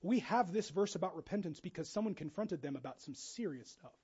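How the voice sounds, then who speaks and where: A man preaching a sermon as pastor, animated and jokey, acting out quoted voices with casual asides. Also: high voice, fairly quick, slightly rough, lo-fi sound. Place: church.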